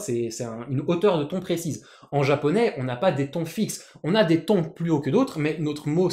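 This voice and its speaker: A teacher walks through a language lesson with patience, repeating words and restarting phrases as they explain. The voice sits in a middling pitch. The recording carries a clear echo from the room. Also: a little mellow. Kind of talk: explanatory lesson with written examples.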